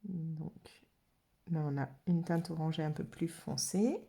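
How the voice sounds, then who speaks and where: A woman's voice: deep voice, measured pace, creaky, warm tone. A French woman hosting a watercolour channel, chatting casually with many fillers as she paints color swatches. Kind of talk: casual art demo narration.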